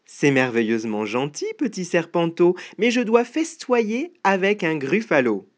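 Storyteller doing a tiny storybook mouse, squeaky, cheeky, boastful, swooping pitch. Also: sing-song, measured pace. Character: small clever boastful mouse. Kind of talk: storybook read-aloud.

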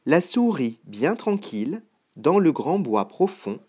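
A storybook reader giving a rhyming children's tale, taking each line slowly and carefully. The voice is animated, with wide swings in pitch that bring out every rhyme. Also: slightly rough. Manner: expressive, rhyming read-aloud delivery. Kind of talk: storybook read-aloud.

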